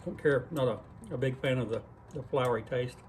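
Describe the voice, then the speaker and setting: A man's voice: medium pitch, moderate pace, darkish tone, a little hiss or hum. A man hosting a casual cooking vlog in a barn workshop, talking in a folksy, rambling, self-deprecating way. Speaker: cooking channel host. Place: barn workshop where deer are cleaned.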